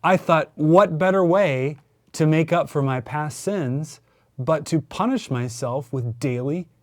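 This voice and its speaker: A man's voice: a little high, measured pace, no room sound, studio quality. A man co-hosting a casual chat, telling stories with playful self-mockery. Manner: playful, self-mocking storyteller. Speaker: co-host.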